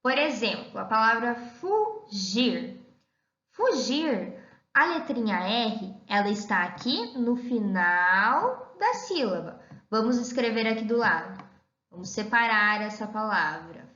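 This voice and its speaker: Slow sing-song woman teacher. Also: on the high side, animated, bright, forceful tone. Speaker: primary school teacher. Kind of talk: online lesson for young children. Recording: echoey room, dull lo-fi sound.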